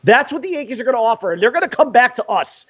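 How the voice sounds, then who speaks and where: Fired-up, high-voiced man ranting about sports. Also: sing-song, racing, pushed and bright, no echo. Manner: fired-up, exasperated, profane rant. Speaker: sports podcast host. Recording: dry, dull lo-fi sound.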